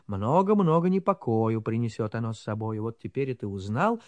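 A man voicing a small, kindly, wise male humpbacked horse in a storybook reading, speaking softly and quickly. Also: medium pitch, animated, no room sound, pitched below the performer's own voice, natural voice. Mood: gently scolding. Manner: soft, hushed and quick.

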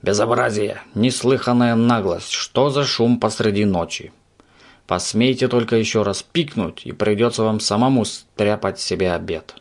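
A man voicing an angry middle-aged landlady who scolds and shouts through a door. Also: fairly low pitch, normal speed. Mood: furious.

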